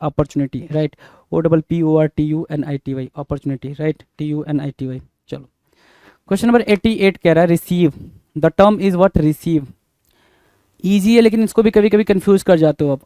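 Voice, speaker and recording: A man's voice: a little high, warm tone, dry recording. A male teacher spells words letter by letter, repeating each one and marking the correct answer as he calls out to his students. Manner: brisk, addresses students as "bhai". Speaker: English teacher.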